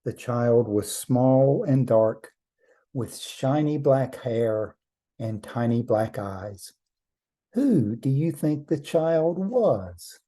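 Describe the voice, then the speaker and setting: A man telling a traditional trickster tale as a storyteller, in measured short phrases with deliberate pauses. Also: mid-range voice, lively intonation, warm tone.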